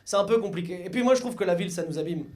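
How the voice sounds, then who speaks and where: High-voiced young man doing stand-up. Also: racing. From Mayenne, France. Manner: lively, joking, acts out voices of others. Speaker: stand-up comedian. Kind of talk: stand-up comedy. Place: comedy club stage before an audience. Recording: live club recording with audience laughter.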